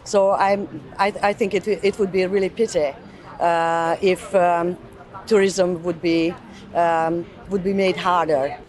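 A woman's voice: lowish voice, level tone, unhurried, a little mellow. Fifty-something woman stopping and starting a lot, outdoors on a city square. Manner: hesitant, many fillers. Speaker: interviewee. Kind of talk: street interview.

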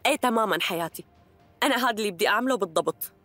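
A woman's voice: medium pitch, animated, very fast, fairly bright tone, dry recording, faint music behind. A woman dubbing a bold young woman who hosts her own online show and speaks to her viewers with brash confidence. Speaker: dubbing actress. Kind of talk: Arabic dub of a TV drama.

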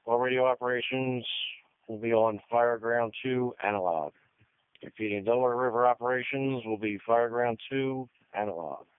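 Brief: male dispatcher on a tinny two-way emergency radio, smooth voice, clipped call-backs, dry signal. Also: medium pitch, fairly even intonation, normal speed, no room sound. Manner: clipped, repeats unit call numbers back. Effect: two-way emergency radio transmission.

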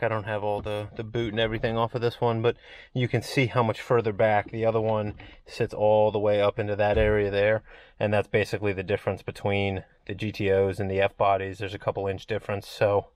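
In a fairly low voice, a man who owns a car shop and runs a vlog talks through a car issue in his garage. He thinks out loud, dropping frequent "um" fillers, and the audio has no echo.

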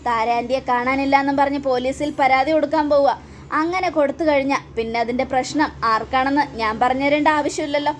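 A woman's voice: high-pitched, fairly even intonation, quick pace, slight background noise, lightly acted. A woman voicing an angry, suspicious young man who demands answers in an accusing way.

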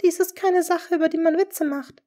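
A woman voicing an anxious lady-in-waiting in an audiobook, speaking high, tense and trembling. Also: normal speed, darkish tone, close to an everyday voice. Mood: alarmed. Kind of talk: audiobook character reading.

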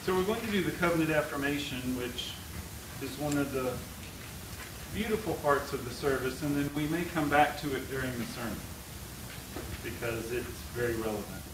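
A man's voice: mid-range voice, normal speed. A man leading a church service, giving announcements and introducing prayer songs in a plain, explanatory way. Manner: plain, explanatory, leads the congregation. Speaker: worship leader. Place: church sanctuary. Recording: echoey sanctuary, far mic, noisy.

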